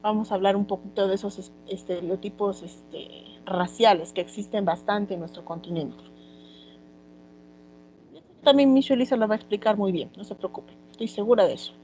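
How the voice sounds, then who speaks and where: Peruvian woman teacher, chatty with lots of fillers, mid pitch, dull audio with faint hum. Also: normal speed, dark tone. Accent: Peruvian Spanish. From Peru. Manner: conversational, many fillers like "este". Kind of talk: online class lecture.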